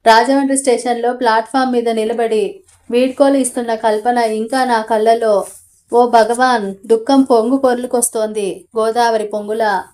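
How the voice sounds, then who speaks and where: Woman reading a novel, slightly high voice. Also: moderate pace. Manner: reads dialogue and first-person narration in one even voice. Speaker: audiobook narrator.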